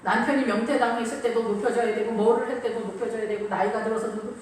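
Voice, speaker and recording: A woman preacher giving a lively sermon, repeating phrases and acting out quotes, recorded from a distance in an echoey church with faint ambience. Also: on the high side, fast, slight background noise.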